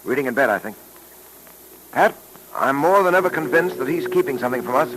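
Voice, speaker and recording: An actor playing an earnest male police detective in a 1940s radio drama, speaking calmly and with authority. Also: mid-range voice, background noise, lightly acted. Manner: calm, measured, authoritative.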